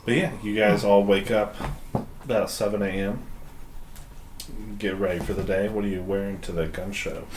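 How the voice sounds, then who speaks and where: A man's voice: fairly low pitch, fairly even intonation, moderate pace, long pauses. A man narrating as game master in a tabletop game, laughing often between lines. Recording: echoey room with faint noise.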